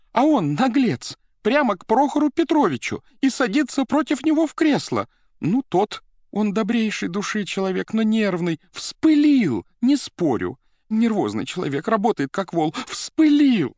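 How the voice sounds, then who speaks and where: A woman's voice: mid-range voice, darkish tone, no echo. A young secretary in hysterics, her voice leaping wildly up and down as she wails and sobs. She bursts out breathlessly in an audio drama, and the recording is close and dry. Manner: wailing, sobbing, breathless outbursts.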